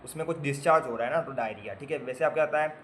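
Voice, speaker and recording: A man's voice: mid-range voice, rapid-fire, fairly bright tone, slight background noise. A man teaching basic medical terms to nursing students in a casual lecture, spelling out word parts, repeating them and quizzing his students with playful asides. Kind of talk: classroom lecture.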